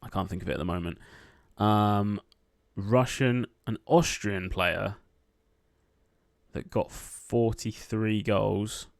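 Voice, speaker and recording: Low, slow man muttering quiz guesses. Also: creaky, dry recording, studio quality. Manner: muttering names half to himself, lots of ums. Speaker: quiz gameplay streamer. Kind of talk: thinking aloud while playing a quiz. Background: keyboard typing.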